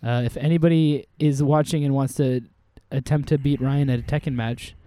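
A man's voice: mid-range voice, fairly even intonation, moderate pace, mellow. A man co-hosting a casual podcast, joking and laughing often as he talks to a desk microphone. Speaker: podcast co-host. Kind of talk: casual chat.

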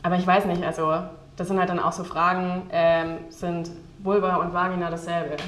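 A woman's voice: lowish voice, little pitch movement, moderate pace. Woman guest, rambling and laughing; echoey room sound. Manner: rambling, many fillers, laughs often. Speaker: guest, game developer. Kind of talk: casual podcast interview.

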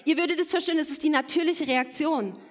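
A woman's voice: high-pitched, quick pace. A woman preaching a sermon to her congregation, earnest and building to emphatic exhortation. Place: church hall. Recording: long reverb of a church hall.

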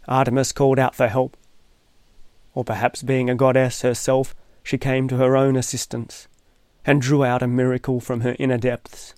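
Man, calm essay narrator, level delivery, dry close-miked sound, wry asides. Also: medium pitch, no room sound.

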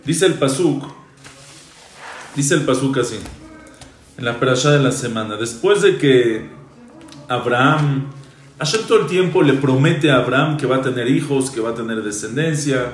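A man's voice: mid-range voice, moderate pace. A man, a rabbi, teaching a Torah class, quoting passages in Hebrew and Aramaic, then explaining and repeating phrases. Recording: roomy echo.

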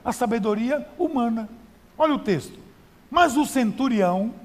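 A man's voice: extremely high pitch, darkish tone, big-room sound. A male pastor preaching a sermon in a conversational style, with rhetorical questions and emphatic repetition.

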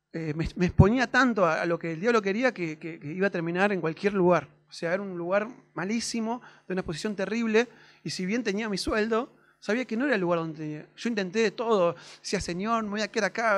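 Young Rioplatense man, high voice, casual testimony-style sermon. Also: a bit bright. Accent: Rioplatense Spanish. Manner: conversational testimony, many fillers and tag questions. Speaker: preacher.

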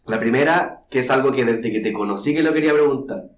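Man with a Chilean accent, halting questions. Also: medium pitch, roomy sound. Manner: hesitant, repeats himself when asking. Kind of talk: casual podcast conversation.

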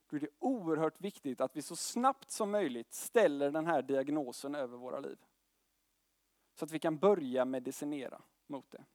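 A young man with a high voice preaches a sermon and talks to the congregation like a friend, throwing in slang and quick tag questions. His voice sits close and dry on the mic. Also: darkish tone, dry recording.

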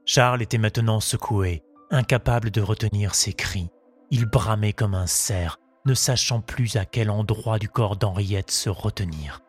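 A man narrating a literary audiobook in a measured, intimate reading. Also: on the low side, husky, soft background music.

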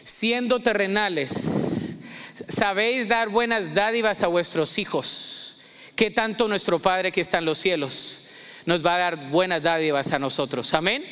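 A man's voice: high-pitched, a little slow, sharp tone, smooth. A man preaching a sermon as pastor, leading his congregation in call-and-response in a church. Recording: echoey hall.

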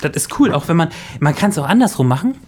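A young man co-hosting a podcast in casual chat, curious and lively while describing things. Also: fairly high pitch, fast talker, a little hiss or hum. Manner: curious, chatty, reacting and describing. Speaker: podcast co-host.

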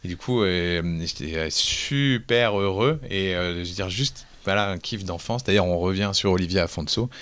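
A man's voice: low voice, normal speed, few pauses. A man, a film director, telling anecdotes in a casual interview and acting out what people said. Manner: animated storyteller, acts out quotes loudly.

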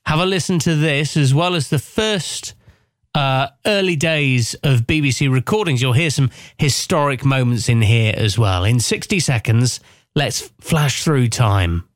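Male radio presenter, conversational and casual, medium pitch, very little room sound. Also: measured pace, no room sound, studio quality. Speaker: radio host.

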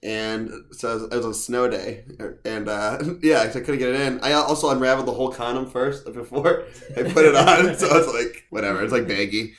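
A man co-hosting a podcast who teases with deadpan crude jokes in casual banter. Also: medium pitch, a little fast, few pauses, echoey room. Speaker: podcast co-host.

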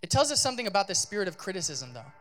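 A male pastor giving a sermon in a casual, animated storytelling style, full of fillers. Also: high voice, rapid-fire, faint music behind.

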